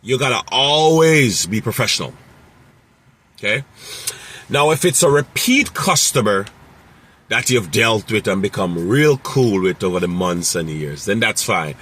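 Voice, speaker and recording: A man's voice: lowish voice, expressive, unhurried, fairly bright tone, slightly rough. A man who runs a mobile mechanic business, giving casual, rambling advice with many fillers and repeated phrases.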